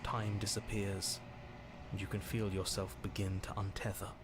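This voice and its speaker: A man playing a solemn, ominous storybook narrator in a video game, measured and grave over music. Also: on the low side, little pitch movement, breathy edge. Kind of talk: scripted second-person game narration. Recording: loud game music behind the voice.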